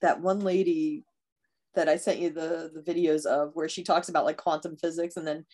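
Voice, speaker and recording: A woman in her thirties co-hosting a casual podcast chat, chatty and quick to laugh as she tells stories. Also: sits low. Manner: chatty, laughs often, animated storytelling. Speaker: podcast co-host.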